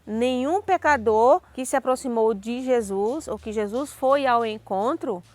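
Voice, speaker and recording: A woman with a Brazilian Portuguese accent who tells her life story as a personal testimony in an animated way, acting out the dialogue. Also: on the high side, measured pace.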